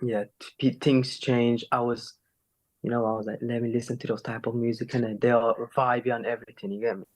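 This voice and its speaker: The recording is low quality, capturing a medium-pitched, level voice at a fairly quick clip. He's a rapper and singer from Sweden in a casual interview chat, leaning on slangy fillers such as "innit" and "you know."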